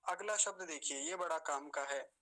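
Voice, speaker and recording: A man leads an online pronunciation class with a patient, courteous manner. His voice is bright and forward. He stretches out difficult words and repeats them slowly, one syllable at a time. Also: on the high side, poor audio. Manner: slows down to spell out syllables, repeating words carefully; patient, polite, addresses students respectfully. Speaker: teacher of mantra pronunciation.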